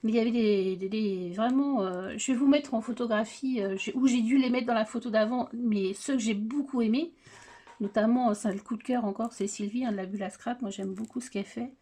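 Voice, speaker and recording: A woman's voice: a little high, brisk, dark tone. A middle-aged woman in casual chat, showing off her craft purchases on her video channel and talking hesitantly, with many filler sounds and restarts. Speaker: scrapbooking vlogger.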